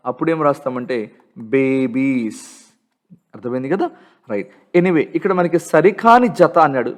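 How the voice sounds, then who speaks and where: A man with a Telugu accent walks through textbook grammar questions in a fairly high voice. He poses questions to his students, repeats the key rules and answers them himself. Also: a little mellow. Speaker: English teacher.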